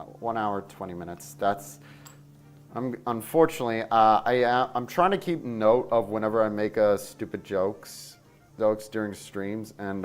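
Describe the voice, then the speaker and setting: A man hosting a casual livestream, mumbling asides to himself as he works through a build. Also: on the low side. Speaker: host building a model kit on stream.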